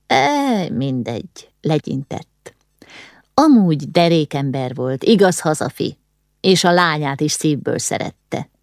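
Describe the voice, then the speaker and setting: A woman voicing a quiet, somber older nobleman grieving his daughter, in an audiobook. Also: sits low, no room sound, studio quality.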